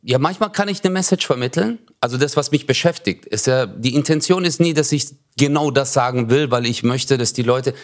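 Man, Swabian accent, comedian, casual podcast chat, animated, acts out dialogue. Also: mid-range voice, brisk, hardly any pauses. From Germany. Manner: animated storyteller who acts out dialogue in joke retellings. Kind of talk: casual conversation.

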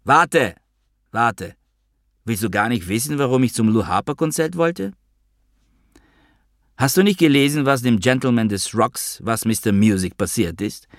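A man voicing a bitter, volatile male Druze soldier in an audiobook, shouting crude rants. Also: mid-range voice, lively intonation, normal speed, no echo, studio quality, pitched above the performer's own voice, close to an everyday voice. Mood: ranting, furious. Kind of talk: audiobook character voice.

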